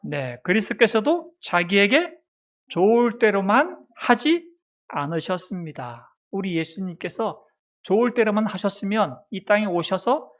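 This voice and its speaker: Pastor preaching, asking and answering. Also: male voice, sits high, very animated, a little slow. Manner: asks the congregation questions and answers them himself; acts out a mother's soft baby talk. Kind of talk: sermon. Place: church sanctuary.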